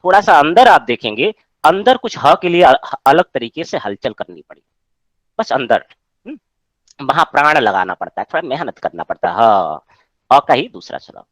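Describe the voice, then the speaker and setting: A male teacher holds a Sanskrit class over a video call, his pitch rising and falling animatedly as he explains. He keeps pausing to ask whether everyone has understood. The sound is close and dry. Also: sing-song, fairly bright tone, dry recording. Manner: explains patiently, checks with students often. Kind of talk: online class lecture.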